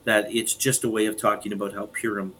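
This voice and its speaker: A man explaining a Bible story in casual discussion, thoughtful and halting with frequent restarts. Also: fairly low pitch, flat delivery, a bit bright, a little hiss or hum, low-quality recording. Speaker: podcast co-host and Bible teacher.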